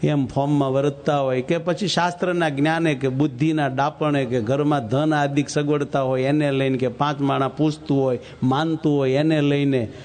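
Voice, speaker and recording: A male preacher tells a religious story in a folksy, homely way. He keeps turning to his listeners to exhort them. His voice sits a little high for a man. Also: darkish tone. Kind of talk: storytelling sermon.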